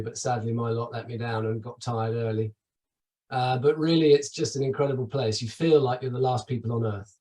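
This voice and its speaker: A man's voice: medium pitch, a little mellow, far from the mic, low-quality recording. A middle-aged man from the UK giving a chatty, enthusiastic webinar presentation over slides, with asides and restarts. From United Kingdom. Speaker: travel company presenter.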